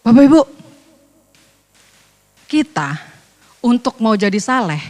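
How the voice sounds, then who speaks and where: A woman pastor preaching a sermon in a lively, joking, colloquial way. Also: on the high side, takes it slowly, big-room sound.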